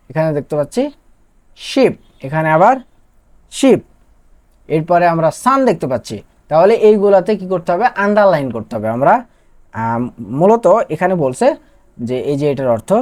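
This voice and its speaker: A young woman from Bangladesh teaching an online class, asking questions and answering them herself. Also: deep voice. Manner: lively, asks and answers own questions.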